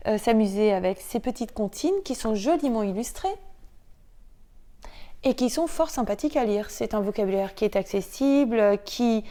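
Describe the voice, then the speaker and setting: A woman teacher presenting reading tools in a tutorial, hesitant, with many fillers and restarts, slowing down to chant syllables in her demonstrations. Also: a little high, lively intonation, warm tone.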